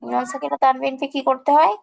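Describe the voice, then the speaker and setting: High, gravelly female tajweed teacher. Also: fairly even intonation, fast, slight background noise, poor audio. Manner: patient, asks questions and answers them herself. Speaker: Quran recitation teacher. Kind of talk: online tajweed lesson.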